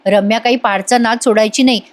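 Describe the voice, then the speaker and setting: A woman's voice: on the high side, steady tone, quick pace, natural voice. Woman doing a worried middle-aged aunt. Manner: worried inner thoughts.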